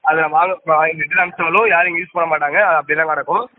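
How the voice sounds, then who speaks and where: A man's voice: on the high side, steady tone, rapid-fire, a little hiss or hum. A man on a phone call, dismissive and curt, brushing off her pleas with "remember that" and "madam". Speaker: scheme recruiter on a phone call. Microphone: phone call recording. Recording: dry, tinny phone line.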